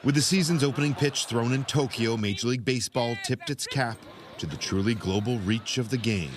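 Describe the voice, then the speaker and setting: A man reporter narrating a sports news segment in a measured, formal way. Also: mid-range voice, very noisy.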